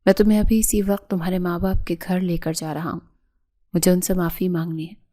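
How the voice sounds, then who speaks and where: A woman's voice: lowish voice, level tone, warm tone, close to an everyday voice. Woman reading as a remorseful young husband. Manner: shaken, pleading. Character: guilt-stricken young man, proud husband now ashamed.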